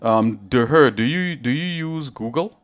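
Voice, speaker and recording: A man's voice: medium pitch, animated, measured pace. A man hosting a casual livestream tutorial, rambling and chatting straight to his viewers from a home setup. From Trinidad and Tobago. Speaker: livestream host.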